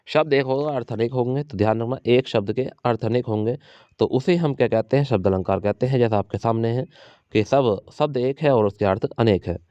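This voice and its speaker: A man coaching students for an exam, with a mellow, dark voice. He drills each point with rhetorical questions and slows down to recite verse lines. The recording is dry and a bit dull, with no room echo. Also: medium pitch, smooth. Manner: repeats key points, quizzes students rhetorically. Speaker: teacher.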